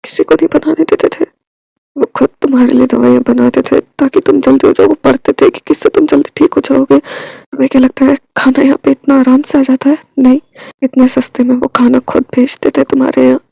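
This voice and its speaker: A woman voicing a kind male relative who gently explains and reassures in a storybook reading. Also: sits high, little pitch movement, a little fast, gravelly, slightly rough, no room sound, muffled recording, exaggerated voice. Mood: reassuring.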